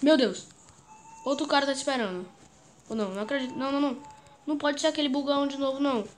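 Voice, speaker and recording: A woman with a Brazilian Portuguese accent giving excitable gameplay commentary and chanting the same words over and over. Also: high voice, rapid-fire, a little hiss or hum. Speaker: gaming YouTuber.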